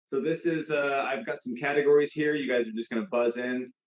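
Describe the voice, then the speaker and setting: A man's voice: medium pitch, fairly even intonation, fairly quick, reverberant. A man hosting a casual comedy trivia game, rambling with many fillers and restarts. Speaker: host. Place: room with a guest beside him.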